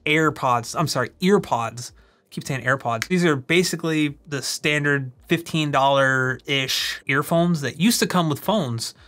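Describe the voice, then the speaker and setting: A man's voice: fairly high pitch, a little slow, sharp tone, soft background music. A man reviewing tech gear in an informal, conversational way, casually comparing products.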